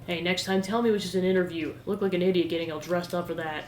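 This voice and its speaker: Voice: mid-range voice, steady tone, fast, a little hiss or hum, close to an everyday voice. A game player voicing a self-pitying, eager teenage boy with a chatty, complaining manner. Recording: roomy echo with game music behind.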